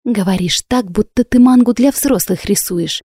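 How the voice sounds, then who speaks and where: An eager, exclaiming young woman, as an audiobook narrator puts her on, her voice lifted above the narrator's own. It stays mellow in tone and dry, close to the mic. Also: normal speed, slightly rough, dry recording. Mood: lively. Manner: bright, exclaiming, raised pitch. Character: lively, enthusiastic young woman artist friend. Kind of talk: audiobook character voice.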